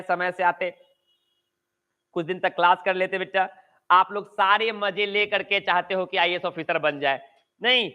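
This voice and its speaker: A male coaching teacher with a Bihari Hindi accent and a high, bright, cutting voice. He stretches key grammar phrases out slowly and repeats them over and over, then slips into chatty asides to his students during an online lecture. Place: coaching class at home.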